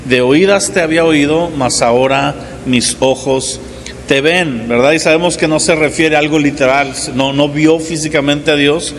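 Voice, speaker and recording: A fairly high-voiced man in his forties preaching to his congregation in an easygoing, conversational style, tossing in little check-ins with the room. His voice rings out with a long reverb tail, and a faint hiss sits underneath. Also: moderate pace. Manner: conversational preaching with frequent "¿verdad?" asides. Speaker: pastor. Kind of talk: sermon. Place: church hall.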